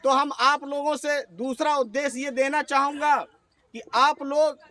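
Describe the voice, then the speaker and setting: A man addresses a meeting in an earnest public speech, with his voice sitting unusually high. He tells his points through plain, folksy stories to the audience. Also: fairly even intonation, measured pace, pushed and bright, a little hiss or hum. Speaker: speaker at an organization's review meeting.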